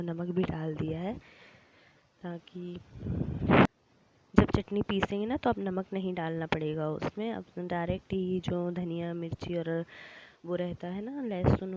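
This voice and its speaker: Chatty young woman, slightly breathless. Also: on the low side. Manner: chatty, explains step by step, talks to viewers directly. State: slightly short of breath while talking. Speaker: home cooking vlogger. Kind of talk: casual voice-over narration of cooking. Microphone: voice-over recorded while editing. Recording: dull lo-fi audio with loud background noise.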